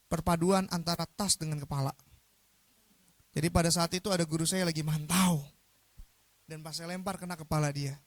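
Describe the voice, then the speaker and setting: A young man giving a motivational talk, telling a story in an animated, jokey way and often putting questions to his audience. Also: fairly high pitch, brisk, long pauses, no echo. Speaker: motivational speaker.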